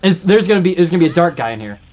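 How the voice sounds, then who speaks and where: A man's voice: high voice, very animated, racing, a little mellow. A man hosting a let's play, chatting casually as he plays and repeating words while he thinks aloud. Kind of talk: casual gameplay commentary.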